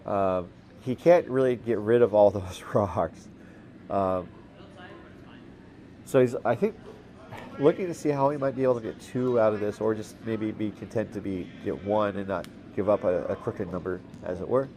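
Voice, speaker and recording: A man calling a curling game as commentator, relaxed and halting, with lots of fillers and restarts and the odd dry aside. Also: on the low side, slight background noise. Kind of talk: play-by-play commentary.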